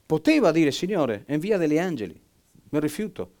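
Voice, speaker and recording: A man preaching a sermon and reading scripture with dramatic delivery, swinging from loud emphatic bursts to hushed, almost whispered lines. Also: on the high side, very animated, moderate pace.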